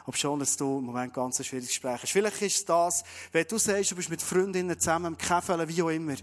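A male pastor preaches in a fairly high voice. His delivery is emphatic, swinging between loud pushes and quiet, hushed stretches. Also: quick pace. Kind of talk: sermon.

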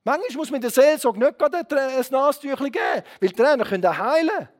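A middle-aged man with a Swiss German accent preaching a lively sermon full of stories, swinging from muttered asides to shouting. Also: extremely high pitch, fast.

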